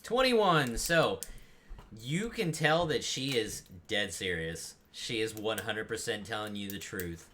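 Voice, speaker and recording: Bright-voiced male game master. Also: lowish voice, a little slow, a little hiss or hum. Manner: descriptive, animated narration with restarts. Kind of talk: narrating a tabletop game.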